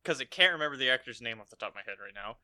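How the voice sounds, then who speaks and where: Talking very fast with lively intonation, an American podcast co-host tells rambling, profanity-laced stories in a casual film review chat. His voice is medium-pitched and sharp, with no echo.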